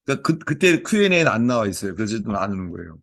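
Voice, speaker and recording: A man's voice: lowish voice, very animated, fast, vocal fry, a bit bright, dry recording, clean studio sound. A male pastor preaching in Korean, praying and then telling stories in an earnest, repetitive way. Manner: earnest, storytelling, many repetitions. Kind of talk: sermon with opening prayer.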